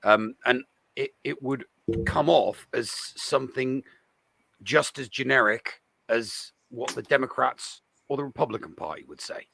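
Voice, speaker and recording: A man on a podcast talking casually and haltingly, restarting his sentences often. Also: mid-range voice, creaky, bright, forceful tone, dry recording. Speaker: podcast guest. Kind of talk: casual chat.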